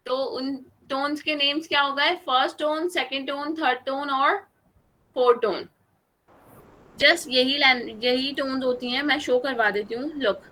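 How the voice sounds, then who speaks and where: A woman's voice: sits high, fairly even intonation, unhurried, pushed and bright. A woman teaching an online Chinese class, patiently drawing out each sound as she demonstrates it. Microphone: video call.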